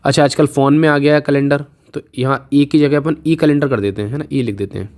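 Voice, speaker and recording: A man teaching English spelling in a casual video lesson, patiently repeating each question and answer and slowing down to spell words out letter by letter. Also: medium pitch, steady tone, a little mellow. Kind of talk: casual Hindi video lesson with memory tricks.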